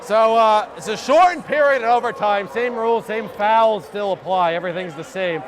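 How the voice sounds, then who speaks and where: A man in his thirties doing play-by-play for a high school basketball game, excited and short of breath, shouting at the big plays. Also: moderate pace. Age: 30s. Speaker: play-by-play announcer. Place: school gymnasium. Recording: crowd noise in a gym. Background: loud cheering crowd.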